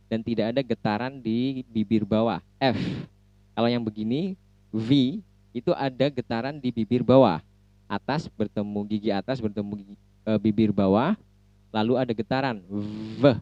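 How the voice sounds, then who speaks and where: A man teaching English phonology, repeating each sound slowly while explaining mouth positions. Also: lowish voice, mellow, no room sound. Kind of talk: classroom explanation. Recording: muffled lo-fi recording.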